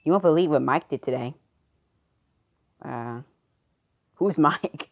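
A woman performing an amateur skit, reading the lines in a halting, unpolished way. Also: sits low, gravelly, highs cut off. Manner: unpolished, halting line delivery. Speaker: skit performer voicing both parts.

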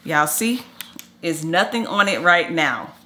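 A woman chatting casually in a family vlog, relaxed and joking. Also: fairly low pitch, slow pace, a little hiss or hum. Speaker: vlog co-host.

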